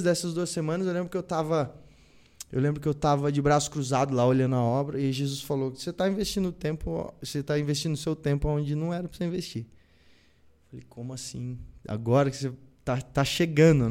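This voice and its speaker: A man's voice: on the high side, brisk, mellow. A young Brazilian man, a guest, telling a personal faith story and acting out the dialogue as he goes. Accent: Brazilian Portuguese.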